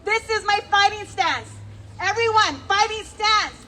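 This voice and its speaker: A woman working as a self-defense instructor, leading a crowd through call-and-response drills with commanding, energetic shouted cues into a handheld mic at an outdoor rally. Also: extremely high pitch, a little slow, slight background noise. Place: outdoor rally on a city hall lawn. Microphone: handheld microphone. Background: faint crowd.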